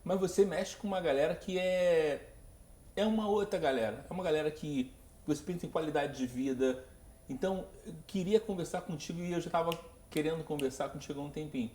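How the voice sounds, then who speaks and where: A man from hosting a casual podcast interview, telling stories in an animated way and acting out the scenes. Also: fairly quick, reverberant, slight background noise. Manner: animated storyteller, acts out scenes with big pitch jumps. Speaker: podcast host.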